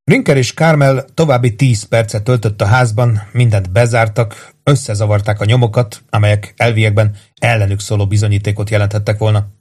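A man reading a crime thriller audiobook in a steady, even narrating voice. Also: fairly low pitch, hardly any pauses. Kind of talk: scripted narration.

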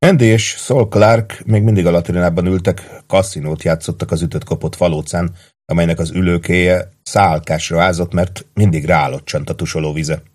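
Low, husky male audiobook narrator. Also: fairly even intonation, darkish tone. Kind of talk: scripted narration.

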